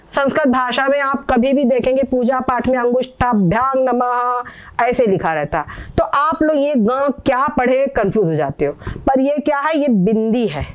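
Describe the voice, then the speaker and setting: A woman with a high voice teaches a pronunciation lesson. She explains patiently, says each example word slowly more than once, and keeps asking whether the learners have understood. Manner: patient, repeats words slowly, checks understanding. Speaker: Sanskrit teacher.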